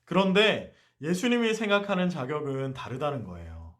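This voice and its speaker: A man's voice: on the high side, normal speed. A man preaching a storytelling sermon for a church ministry, often asking his listeners questions. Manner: animated, asks the listeners questions.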